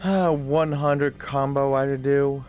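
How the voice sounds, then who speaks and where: Casting: male gamer, slower pace, offhand casual commentary, reacting to the game, faint music behind. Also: mid-range voice, steady tone, a little mellow. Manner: offhand, talks back to the game and viewers.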